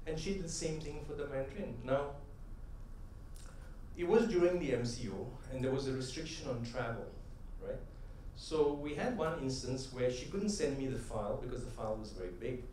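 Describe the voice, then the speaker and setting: A middle-aged convention speaker talks at normal speed in a mid-range, slightly mellow voice. His conversational talk is full of anecdotes, dotted with "right?" and building to rhythmic, emphatic punchlines. A distant mic in the large hall yields echo and a little hiss or hum.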